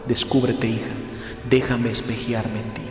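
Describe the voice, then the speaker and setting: A man voicing a gentle male divine figure who answers slowly and tenderly. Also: mid-range voice, level tone, close to an everyday voice. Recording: echoey hall with faint music.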